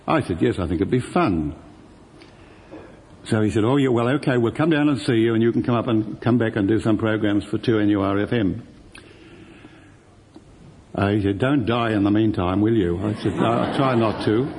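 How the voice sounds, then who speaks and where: A man's voice: on the low side, normal speed, long pauses, a little mellow, slightly rough, big-room sound. An older man, a retired radio presenter telling stories and acting out both sides of old conversations. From Australia. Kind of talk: reminiscing storytelling.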